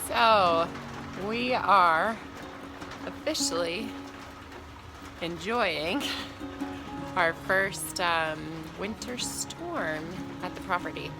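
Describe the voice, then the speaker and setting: A woman speaking in a relaxed, upbeat casual vlog manner. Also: fairly low pitch, drawn-out words, pauses often, over music.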